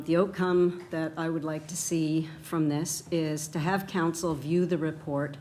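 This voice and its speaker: A woman's voice: low-pitched, a little mellow, a little hiss or hum. A woman town councillor arguing her point firmly and insistently in a council meeting. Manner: firm, insistent.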